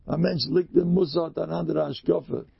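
A man giving an informal religious talk with personal stories, halting with many restarts and repeated words. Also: fairly high pitch, fairly even intonation, creaky, breathy edge, lo-fi sound. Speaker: religious speaker.

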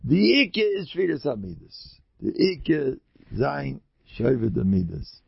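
A man giving an informal religious talk with personal stories, halting with many restarts and repeated words. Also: medium pitch, sing-song, creaky, breathy edge, no room sound, highs cut off. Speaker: religious speaker.

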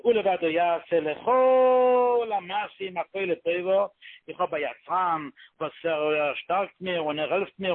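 A man giving a storytelling religious talk, retelling events in a quick run-on way and jumping up in pitch for the voices he quotes. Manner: quick run-on phrasing with many Hebrew religious terms. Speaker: religious teacher. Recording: tinny phone-line or radio-band sound.

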